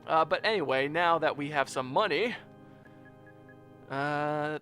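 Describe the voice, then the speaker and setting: A man's voice: a little high, slow pace, pushed and bright, soft background music. A man giving casual, rambling let's play commentary on a video game, chatting to his viewers. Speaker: gameplay video host.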